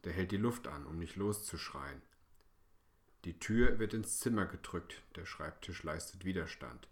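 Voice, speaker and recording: Low-voiced man reading a children's story, slow and hushed, building suspense.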